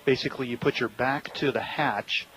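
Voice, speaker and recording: A man giving live, unscripted technical commentary in a halting, explanatory way. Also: medium pitch, crowd noise, rough recording. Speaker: launch commentator. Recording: clear background ambient noise.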